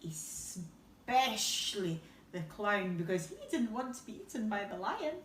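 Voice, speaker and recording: Heard through a distant mic in an echoey room, with a little hiss or hum, a woman teacher tells young children a bedtime story from a picture book. Her medium-pitched voice swings widely in pitch at a measured pace as she lingers on words and tosses in asides.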